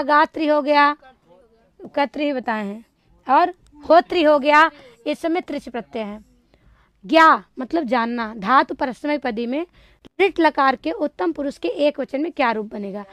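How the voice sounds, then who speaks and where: Female Sanskrit tutor, high pitched, dry recording; runs through past exam questions with a quizzing lilt. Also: unhurried, a bit bright, no echo. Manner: quizzing tone, reads options aloud then answers them. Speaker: Sanskrit teacher. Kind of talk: exam-prep lecture solving past papers.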